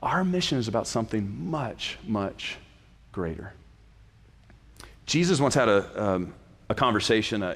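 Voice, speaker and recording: A man in his thirties, a pastor giving a casual, conversational sermon that often restarts its phrases. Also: mid-range voice. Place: church sanctuary. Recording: reverberant church hall.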